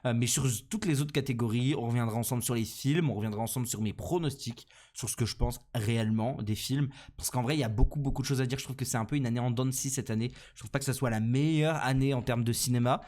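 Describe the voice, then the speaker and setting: A man's voice: mid-range voice, fast talker, hardly any pauses, darkish tone. Rambling young French man podcasting. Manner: rambling and self-deprecating, many fillers and restarts. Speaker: podcast host. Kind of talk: casual solo podcast commentary.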